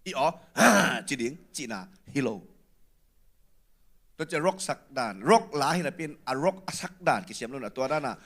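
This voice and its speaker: A man hosting a casual chat, talking in an animated way. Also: a little high, a little fast, few pauses.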